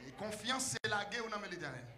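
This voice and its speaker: A male pastor preaching a fiery sermon, shouting call-and-response to the church, then dropping to quiet asides. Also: high-pitched, lively intonation, quick pace, echoey room, crowd noise.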